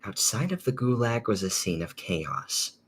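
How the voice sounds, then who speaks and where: Calm low-voiced male narrator. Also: unhurried, slightly rough. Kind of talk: second-person fanfic narration.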